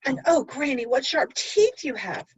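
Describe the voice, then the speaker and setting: A woman reading a storybook as an innocent, caring little girl, with slow, wide-eyed wonder. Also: high-pitched, sing-song, distant mic, voice pushed up. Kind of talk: children's storybook read-aloud.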